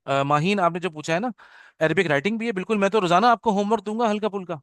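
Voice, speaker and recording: High, smooth-voiced middle-aged male teacher. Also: no echo, clean studio sound. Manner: mixes English into Urdu, keeps checking with "okay?". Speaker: Arabic teacher. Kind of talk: online class orientation talk. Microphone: video call.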